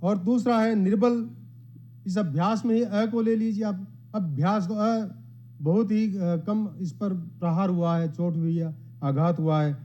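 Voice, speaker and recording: Measured man giving a formal lecture. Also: high-pitched, steady tone, mellow. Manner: measured, explanatory, quotes Sanskrit verses; modest, addresses the gathering. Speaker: academic speaker at a conference. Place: conference hall. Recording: dull lo-fi sound.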